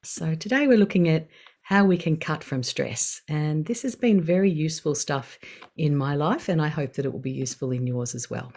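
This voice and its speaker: Middle-aged woman, low voice, calm unhurried facilitator of a wellbeing session. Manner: calm, unhurried, gently guiding with pauses. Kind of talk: guided self-care talk.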